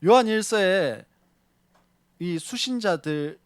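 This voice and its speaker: A man's voice: high-pitched, expressive, takes it slowly, clean tone, no echo. A male pastor preaching a sermon, telling a story and often putting questions to the congregation. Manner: tells a story to illustrate his point.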